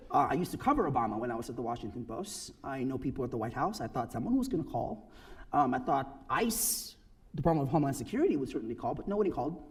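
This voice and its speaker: Giving a personal talk to an audience, this Filipino man in his thirties is sincere and emphatic and often checks in with a fast "right?". His mid-range voice is a little mellow with a breathy edge.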